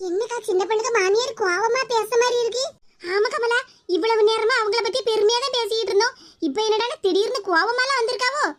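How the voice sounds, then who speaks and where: A woman's voice: extremely high pitch, quick pace, fairly bright tone. A woman voicing a chatty, caring village neighbor woman. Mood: worried. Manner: chatty, concerned.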